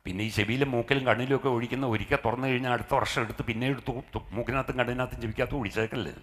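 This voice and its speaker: Male pastor preaching with bright energy. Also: mid-range voice, fairly even intonation, very fast. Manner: preaching with frequent hallelujahs and rising emphatic calls. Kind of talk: sermon.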